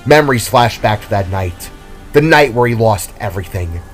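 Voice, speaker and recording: Over background music, a narrator performs scripted adventure fiction with dramatic flair. He has a lowish voice with lively intonation and speaks at a normal speed.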